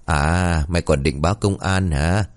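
A man's voice: sits low, measured pace. A man playing a brash, crude young ghost hunter who bosses and mocks. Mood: bossy. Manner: bossy, mocking, crude.

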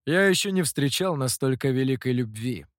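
Man doing a sly calm master in an audiobook, dry and wry, close dry recording. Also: medium pitch, moderate pace, dry recording, lightly acted. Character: calm, dry, cunning male master, older mentor. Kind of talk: audiobook character voice.

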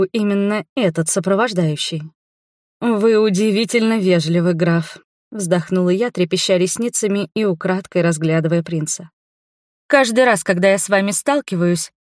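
Woman, audiobook narrator, first-person storytelling, medium pitch, dry close sound. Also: darkish tone, dry recording. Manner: voices several characters in dialogue.

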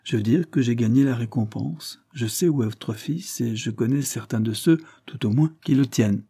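A man's voice: mid-range voice, normal speed, mellow, slightly rough. A man voicing a cool, exacting detective who speaks with cold precision in an audiobook reading.

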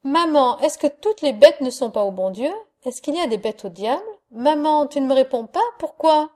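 Femme jouant un petit garçon curieux. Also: female voice, high voice, expressive, normal speed, warm tone. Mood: excited. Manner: eager questioning. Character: small curious chatty boy.

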